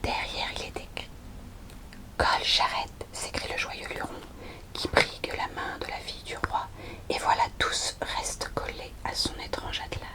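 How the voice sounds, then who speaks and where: A young adult woman presenting books in a soft, unhurried library whisper, in the style of an ASMR recommendation video. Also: low-quality recording. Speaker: ASMR host recommending storybooks. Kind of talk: whispered ASMR book talk.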